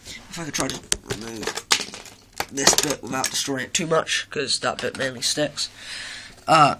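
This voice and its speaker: Showing off a model build for his hobby video, a teenage boy with a cold and sore throat records indoors at home on a handheld camera, with noise in the background. He speaks at a medium pitch and a little slowly, rambling casually through many fillers and self-corrections.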